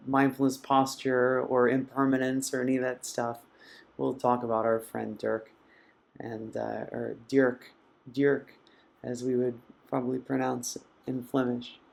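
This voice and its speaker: A man hosting a live mindfulness session, speaking in a reflective, halting way as he reads out viewers' comments. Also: mid-range voice, gravelly. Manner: reflective, soft-spoken and halting. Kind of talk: casual live-stream talk reading viewer comments.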